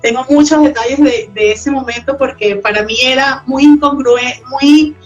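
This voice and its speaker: Venezuelan woman guest, reflective and high-pitched, muffled lo-fi audio. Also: normal speed, soft background music. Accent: Venezuelan Spanish. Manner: reflective, often adds tag questions. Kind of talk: casual interview chat.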